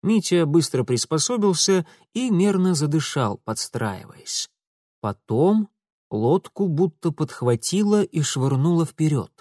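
A man's voice: on the high side, very animated, measured pace, darkish tone, no echo. Male audiobook narrator, dry studio sound.

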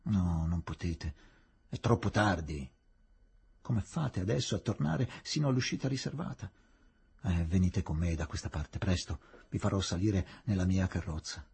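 A man reading the lines of a brusque, impatient Englishman in a husky, lively voice. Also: sits low, moderate pace, pitched below the performer's own voice, exaggerated voice. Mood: firm.

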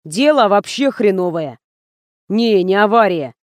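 A woman voicing a rough, slow-witted middle-aged male driver who mumbles colloquially. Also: mid-range voice, expressive, a little mellow, no echo, clean studio sound, lightly acted. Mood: grumbling.

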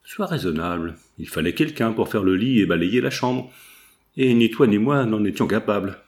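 A man's voice: fairly low pitch, animated, moderate pace, a little mellow. A man voicing a sly, scheming male friend in an audiobook, speaking in an insinuating, mock-sympathetic way. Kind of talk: audiobook dialogue reading.

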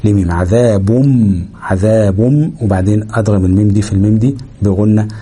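A husky Egyptian man talks quickly through a recitation lesson. His voice is very dark and mellow. Every so often he slows right down to stretch a nasal hum and show how it should sound. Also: fairly low pitch, flat delivery. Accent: Egyptian Arabic. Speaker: Quran recitation teacher. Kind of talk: explanatory lesson.

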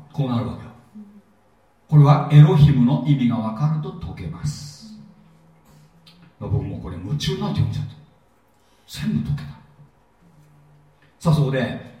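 A man teaching a sermon-style Bible seminar, lively and jokey, often asking his audience questions, recorded in a hall. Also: fairly high pitch. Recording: echoey hall, mic at a distance.

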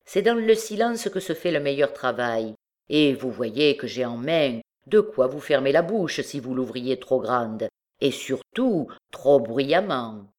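A woman's voice: extremely low pitch, lively intonation, unhurried, darkish tone. A woman voicing a male ex-convict bandit who threatens with mocking, overly polite menace, in an audiobook reading. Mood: menacing, mocking.

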